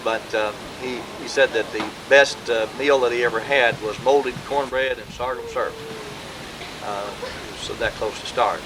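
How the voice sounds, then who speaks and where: A man, talking informally to relatives at a family gathering in a rambling way with many pauses, heard on an old VHS home video. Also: medium pitch, fairly even intonation, noisy background. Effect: old VHS home video sound. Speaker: family historian speaking at a birthday gathering.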